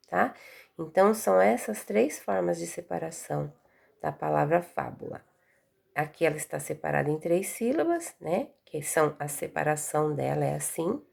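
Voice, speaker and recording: A woman's voice: fairly low pitch, gravelly, darkish tone. A woman with a Brazilian accent teaching a recorded Portuguese lesson, explaining step by step and checking that her pupils follow.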